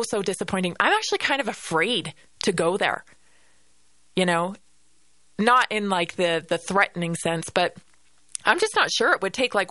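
A woman's voice: lowish voice, fairly bright tone, no echo. A Canadian-accented woman hosting a radio podcast, delivering an indignant opinion monologue and repeating phrases for emphasis.

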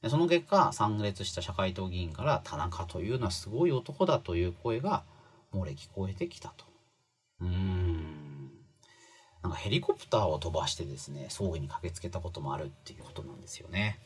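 A man's voice: low voice, very animated, brisk, breathy edge. A man talking casually through a book's lessons, chatty and full of fillers, stressing key phrases. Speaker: commentator explaining a book. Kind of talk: casual spoken explainer.

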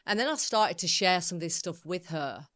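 A woman's voice: on the low side, normal speed. A middle-aged woman coach from the UK, chatting candidly as a guest and acting out the voices in her stories. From United Kingdom. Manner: animated, acts out quoted voices, laughs often. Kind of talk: candid conversational storytelling.

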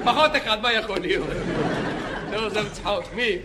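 A man playing a boastful, chatty beach lifeguard who rambles, jokes and yells at bathers in a comedy sketch. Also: high-pitched, over a noisy crowd, natural voice. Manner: rambling, joking, shouting at bathers. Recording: live audience laughter and noise. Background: audience laughing.

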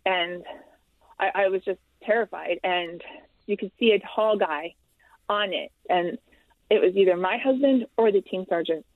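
A woman telling her story as a guest, halting and repeating herself, with nervous little laughs between the hard parts. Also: mid-range voice, no echo. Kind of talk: emotional personal account. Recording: tinny, dry phone-like sound.

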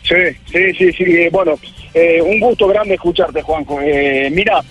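An Argentine man with a Córdoba accent and a husky voice, speaking effusively as a football commentator in a radio interview. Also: a little high, measured pace. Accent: Argentine, Córdoba region. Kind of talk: live radio interview, conversational. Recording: muffled radio phone link, faint music.

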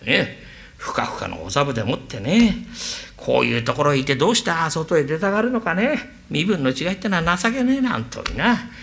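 Guy doing a chatty show-off from old edo, bright lively voice. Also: brisk, gravelly, exaggerated voice. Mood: boastful. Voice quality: fawning and boastful, swings in pitch. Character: chatty, boastful male hanger-on who mimics voices. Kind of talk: rakugo storytelling.

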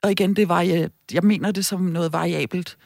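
Woman, radio guest, animated, laughs a lot, dry close sound. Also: on the low side, creaky, no room sound. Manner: animated, laughs often, lists ideas quickly. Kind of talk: lively radio talk.

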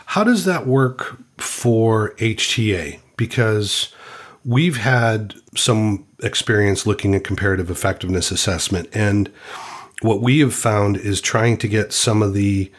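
Husky low-voiced man hosting an interview. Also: unhurried. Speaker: interviewer, host. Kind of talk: conversational interview with prepared introduction.

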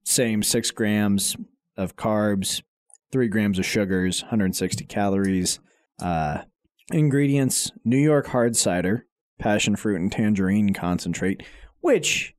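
A man co-hosting a casual podcast, explaining things in a relaxed way and sometimes stumbling over words. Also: on the low side, dry recording, clean studio sound. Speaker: podcast co-host. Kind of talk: casual chat.

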